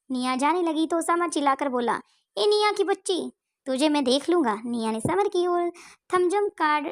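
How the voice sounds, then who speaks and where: Brief: high-voiced female storyteller, steady recited narration.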